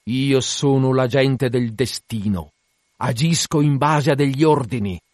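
A man's voice: medium pitch, unhurried, darkish tone, no echo, studio quality, natural voice. A man voicing an obsessed, one-legged old whaling captain in a dramatic reading, commanding and declamatory. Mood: brooding.

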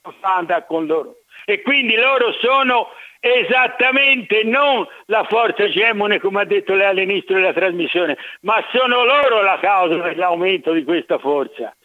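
A man argues his point hotly on a call-in show. His voice is notably high for a man. It comes through a thin, phone-like landline sound. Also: expressive, normal speed. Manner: heated, argumentative. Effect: over a landline phone. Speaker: radio call-in caller. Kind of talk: phone-in talk radio. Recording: narrow tinny phone line.

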